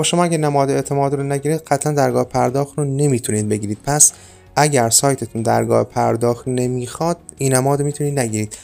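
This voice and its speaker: Guy with a gravelly voice doing a chill explainer podcast, lots of uhs, faint music behind. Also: medium pitch, warm tone. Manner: informal, addresses listeners as friends, frequent filler "uh". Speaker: podcast host.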